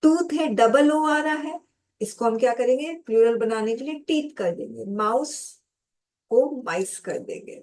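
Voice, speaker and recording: Slow, high-voiced woman teaching grammar. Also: expressive, a little mellow. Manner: explains step by step, asks questions and answers them herself; addresses viewers as students. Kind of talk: classroom grammar lesson.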